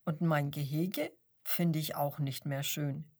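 A woman's voice: low-pitched, fairly even intonation, takes it slowly, mellow, pitched below the performer's own voice, full character voice. A woman voicing a grumpy, bored male lion in a zoo story, grumbling and sulky.

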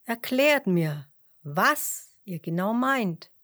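A woman voicing a calm, wise old male owl in a children's story. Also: medium pitch, exaggerated voice. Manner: calm, measured.

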